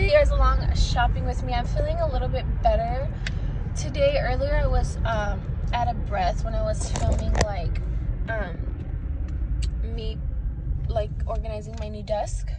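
A woman's voice: on the high side, very noisy. A woman in her twenties giving an informal, rambling vlog chat. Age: 20s. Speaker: vlogger.

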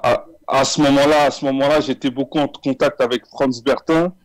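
A man in his thirties from France, a footballer, being interviewed over a video call with earphones, talking in a relaxed, measured way with many fillers. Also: medium pitch, dry recording, rough recording. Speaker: guest, footballer. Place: small indoor room. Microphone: earphone headset on video call.

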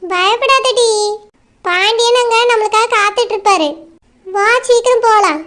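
A woman's voice: very high-pitched, a bit bright. An actress playing a bossy young village woman who coaxes and hurries her friend along. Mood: hurrying. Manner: urging, coaxing, brisk.

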